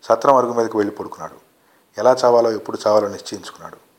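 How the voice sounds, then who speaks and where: A man reading a short story aloud as narrator, in a steady, earnest way. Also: fairly low pitch, very fast. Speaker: story reader.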